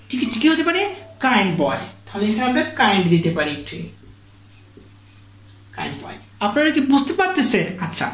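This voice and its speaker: A woman teaching an English grammar lesson, who keeps asking questions and answering them herself and checks in after each point. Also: fairly high pitch. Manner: slow, drawn-out English example sentences. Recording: echoey room.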